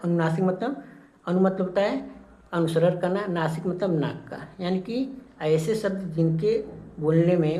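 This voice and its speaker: A man teaching an exam-prep class in a soft, mellow voice. He explains step by step and circles back to each key point with frequent check-ins. The sound is roomy, with a clear echo around him. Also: sits high.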